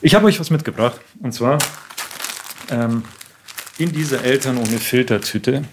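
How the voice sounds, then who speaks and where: A man's voice: mid-range voice, unhurried, a little hiss or hum. A man chats casually during a home visit, apologetic and often laughing. There is faint crinkling and clicking in the background. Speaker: podcast host on a visit. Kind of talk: casual chat.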